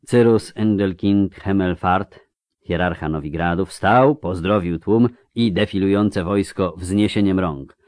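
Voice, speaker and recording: A man narrating a fantasy novel in an expressive, dramatic storytelling manner. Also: sits low, no echo, clean studio sound. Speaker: audiobook narrator. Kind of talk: scripted fiction narration.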